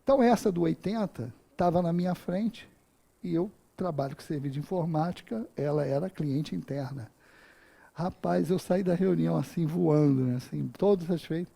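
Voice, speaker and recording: A man's voice: on the high side, normal speed, gravelly, warm tone, slightly rough. A man in his fifties giving a casual, humorous talk full of personal stories at a spiritist center. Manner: humorous storytelling, acts out his own moves.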